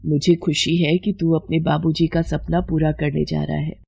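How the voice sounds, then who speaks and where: A woman's voice: low-pitched, level tone, moderate pace, creaky, darkish tone, breathy edge, no echo, highs cut off, full character voice. Woman doing a fretful older village mother. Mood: affectionate. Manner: fretful, affectionate. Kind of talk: storybook cartoon voice acting.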